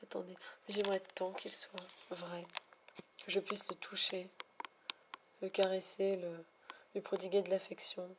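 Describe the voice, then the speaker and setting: A woman vlogging about her shiny hunts in a wordy, elaborate way, pausing often with hesitations and gushing affectionately at times. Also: mid-range voice, flat delivery, noisy background. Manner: ornate, wordy phrasing with frequent hesitations. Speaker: Pokémon shiny hunter vlogger. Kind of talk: casual vlog narration.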